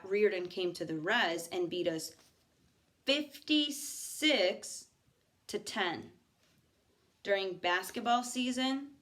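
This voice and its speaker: A woman teacher reading a novel aloud to her students, expressive, pausing for asides to the class. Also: mid-range voice.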